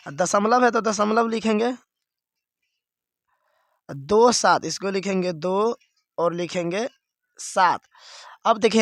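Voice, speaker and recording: A male math teacher giving a classroom lesson, explaining each step slowly and checking in with the listener again and again. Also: high voice, dry recording, studio quality. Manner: explains step by step, repeats "dekhiye" and "theek hai".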